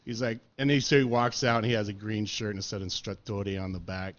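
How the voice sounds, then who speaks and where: A man's voice: fairly low pitch, little pitch movement, brisk, lo-fi sound. A middle-aged man telling stories in a casual podcast chat, laid-back and profane, with lots of fillers. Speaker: podcast interviewee.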